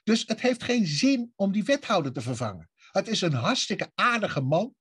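A man with a husky, fairly high voice tells a story conversationally. His intonation swings widely as he repeats himself, stumbles over words and poses questions that he answers himself. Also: sing-song, normal speed, fairly bright tone, dry recording, studio quality. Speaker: guest telling about a local government dispute. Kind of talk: animated conversational storytelling with acted-out dialogue.

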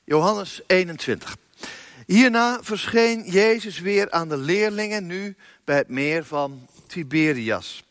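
A man's voice: sits high, lively intonation, takes it slowly, fairly bright tone, dry recording, studio quality. A pastor reading a Bible passage aloud in a church service, lifting his voice for the quoted speech.

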